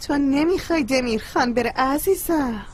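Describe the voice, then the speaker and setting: A woman's voice: high voice, slight background noise, natural voice. An actress playing a caring young woman friend who coaxes and teases in a dubbed drama. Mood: teasing. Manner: coaxing, teasing, lively.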